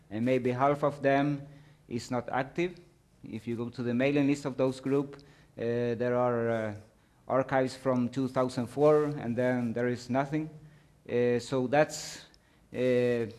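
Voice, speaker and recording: A man presents a technical talk at a conference, walking his audience through his slides. His delivery is halting, with frequent pauses and restarts as he searches for the right words. His pitch sits in an ordinary middle range for a man. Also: darkish tone.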